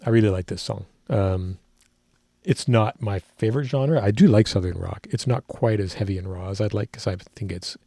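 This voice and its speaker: A man talks through a song in a husky, fairly low voice, thinking aloud and correcting himself as he goes. He sounds like a working musician giving relaxed technical analysis. The sound is dry and close, with no room around it. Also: moderate pace, no room sound. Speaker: musician reacting to a music video.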